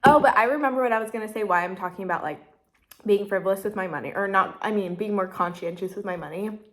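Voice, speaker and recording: A woman's voice: mid-range voice, fast, a bit bright. Rambling twenty-something woman chatting while eating. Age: 20s. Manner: chatty, rambling, heavy use of "like" and "literally"; talks while eating, mouth full. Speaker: vlogger. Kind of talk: casual mukbang chat.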